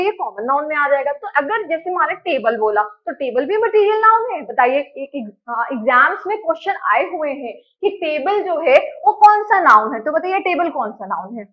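A woman's voice: high-pitched, highs cut off. A woman teaching an exam-prep grammar lesson. She keeps asking the class questions and then answers them herself, checking in with "okay" again and again. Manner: repeats "ठीक है" to check understanding.

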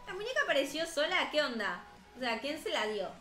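Reacting to a cartoon story, a chatty woman in her 20s jokes around with quick, amused asides in casual commentary. Her high voice is bright and forceful with big pitch swings, and the reverberant recording carries soft background music.

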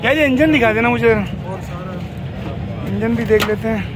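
A man with a Pakistani Urdu accent, vlogging from an outdoor market and talking up each deal to his viewers. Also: moderate pace. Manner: upbeat, pitches deals to viewers. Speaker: vlogger interviewing rickshaw sellers. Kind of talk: on-the-spot market vlog. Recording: loud market crowd and traffic noise.

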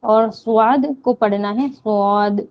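A woman teaching Quran recitation rules, explaining slowly and answering her own questions, with drawn-out chanted recitation of verses. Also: on the high side, highs cut off. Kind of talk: slow step-by-step tajweed lesson.

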